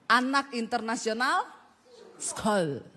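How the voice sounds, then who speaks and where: A middle-aged woman pastor, preaching a sermon with animated storytelling. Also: fairly high pitch, takes it slowly, in a large hall, a little hiss or hum. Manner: animated storytelling, acting out voices.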